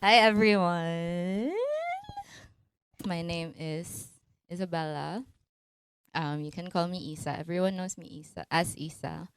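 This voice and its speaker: A woman's voice: lowish voice, fairly even intonation, a little slow, long pauses, clear, resonant tone. A Filipina woman in her twenties with a Filipino accent, hosting a casual podcast chat, laughing often and switching languages mid-sentence. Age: 20s. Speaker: podcast host.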